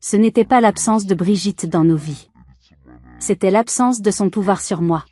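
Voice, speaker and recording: A woman giving a calm, measured first-person story narration as the channel's storyteller. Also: medium pitch.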